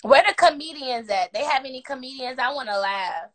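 A woman's voice: high voice, animated, a little fast, fairly bright tone. A young woman casually chatting and laughing with viewers on a phone live stream, teasing and playful. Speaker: livestream host.

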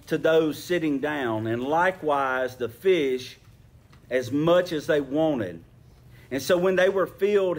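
A man preaching a sermon, earnest and conversational, often repeating words as he restarts, then reading scripture and praying. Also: a little high. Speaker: pastor. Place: church sanctuary.

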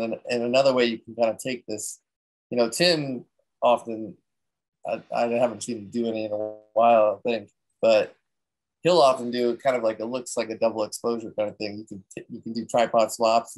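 A man of medium pitch talking casually through a photography technique. He rambles a bit and often restarts his sentences with "um" and "so," in an easygoing way. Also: rough recording. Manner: relaxed, rambling, many fillers and restarts. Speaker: presenter at a photography talk.

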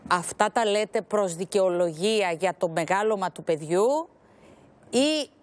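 A woman's voice: mid-range voice, lively intonation. A woman hosting a television talk show, asking probing, pointed questions of her guest. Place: television studio.

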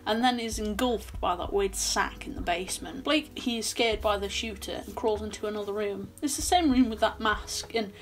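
A woman's voice: mid-range voice, moderate pace, few pauses. A young woman recapping a horror film in a casual, chatty way with sarcastic asides, filmed in a small bedroom at her desk. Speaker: film reviewer.

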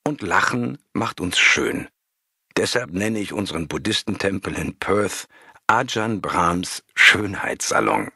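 A man reading a spiritual book aloud as scripted narration, calm and measured, with a husky voice. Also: sits low, no room sound, studio quality. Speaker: audiobook reader.

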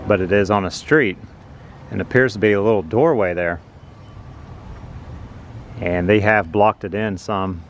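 A man narrating a walking tour outdoors on a city sidewalk, explaining things slowly and plainly as he films with a handheld phone. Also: on the low side, slight background noise. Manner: slow, plain, informative. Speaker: vlogger touring a building. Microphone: handheld phone camera.

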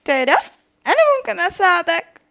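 A woman's voice: extremely high pitch, big pitch swings, fast talker, vocal fry, bright, forceful tone, heavily acted. A woman voicing a friendly, chirpy little female bird in a children's shadow puppet show. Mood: helpful.

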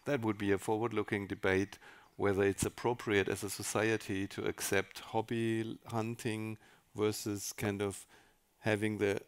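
A man speaking as a panelist on a conference stage, halting and often rephrasing as he searches for words. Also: lowish voice, little pitch movement, clear, resonant tone. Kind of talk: panel discussion contribution. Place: conference hall stage, indoors.

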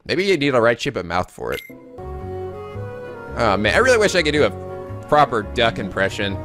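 A gaming video host gives casual, playful commentary over game music, exclaiming and swearing freely. His mid-range voice is brisk and swings hugely in pitch.

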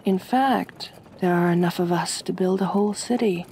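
In an ASMR roleplay, a woman plays a kind but possessive aristocratic vampire mistress, speaking gently, measured and genteel to soothe. Her natural, lowish voice sounds calm and coaxing over slight background noise.

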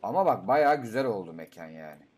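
Low-voiced man muttering over gameplay. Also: fairly quick. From Turkey. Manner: swearing, talking to himself, excitable outbursts. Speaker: gaming YouTuber. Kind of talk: casual gameplay commentary.

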